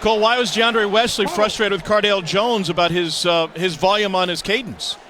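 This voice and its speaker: A man's voice: sits high, moderate pace, bright, forceful tone, a little hiss or hum. A man calling live football play-by-play. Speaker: play-by-play announcer. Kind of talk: live American football commentary.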